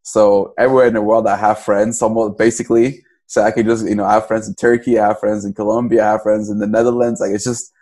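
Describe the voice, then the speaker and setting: A man's voice: fairly low pitch, little pitch movement, quick pace, few pauses, warm tone. A young man from Cameroon, a podcast guest, talking casually in a loose, rambling way with many restarts. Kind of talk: casual interview.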